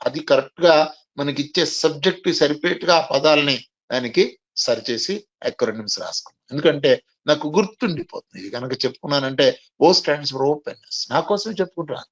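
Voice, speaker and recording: A man's voice: medium pitch, dull audio. Man lecturing, spelling out words. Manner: didactic, spells out key words letter by letter; asks and answers rhetorical questions. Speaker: lecturer on communication skills. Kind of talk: classroom lecture.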